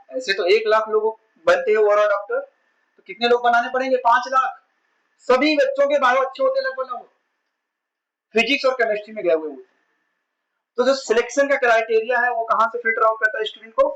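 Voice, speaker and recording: A man with a very high voice teaches physics in a chatty exam-prep lecture. He keeps asking his students rhetorical questions and slips English terms into his talk. The recording sounds dull and lo-fi. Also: a bit bright. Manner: mixes English terms into Hindi.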